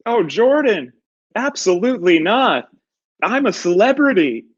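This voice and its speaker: A man playing a smug, theatrical TV game show host with a booming prize-announcer delivery and drawn-out build-ups. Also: big pitch swings, slightly rough, highs cut off, exaggerated voice.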